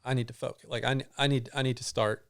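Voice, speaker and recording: Man, middle-aged, gravelly, halting storytelling, interview guest. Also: mid-range voice, fairly even intonation. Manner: halting, many restarts and fillers. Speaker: guest runner.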